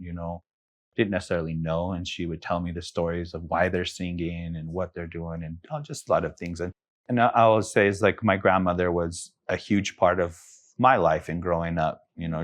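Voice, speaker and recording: A young man from Taos Pueblo, talking reflectively and softly as a guest artist in a podcast interview, with many fillers. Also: low-pitched. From Taos Pueblo, New Mexico. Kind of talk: casual interview talk.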